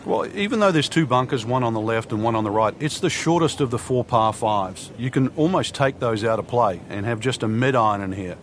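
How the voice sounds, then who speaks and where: A man's voice: medium pitch, expressive, fairly quick, hardly any pauses, natural voice. A man as a golf commentator, explaining the course in a conversational analyst's style. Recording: faint crowd and outdoor noise. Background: faint golf crowd and outdoor ambience.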